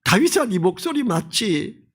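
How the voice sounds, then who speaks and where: A man's voice: high-pitched, sing-song, unhurried, slightly rough, voice pushed up, heavily acted. A male pastor voicing a remorseful old king who weeps as he speaks. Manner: tearful, pleading.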